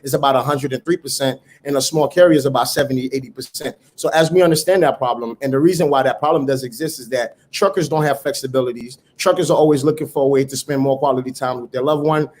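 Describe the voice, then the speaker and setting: Here a middle-aged Haitian man, a startup founder, talks with a medium-pitched, darkish voice. As a guest in a conversational interview, he relates his story in an earnest, motivating way, now and then repeating words.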